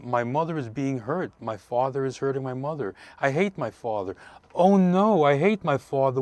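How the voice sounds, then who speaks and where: A man's voice: medium pitch, darkish tone, lightly acted. A man voicing a fretful young boy. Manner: fretful, pleading inner monologue. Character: anxious young boy torn between his parents.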